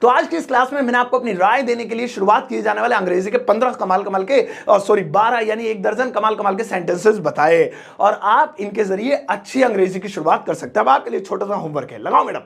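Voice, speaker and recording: A man teaching in a lesson, repeating each phrase slowly and switching to quick, playful everyday examples. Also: sits high, creaky, a bit bright. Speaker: English teacher. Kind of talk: spoken language lesson.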